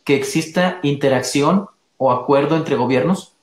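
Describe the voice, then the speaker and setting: A man's voice: a little high, moderate pace. A man hosting a question-and-answer chat, reading out listener questions in an easygoing way, sometimes restarting as he frames them. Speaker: host. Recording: roomy echoey room sound.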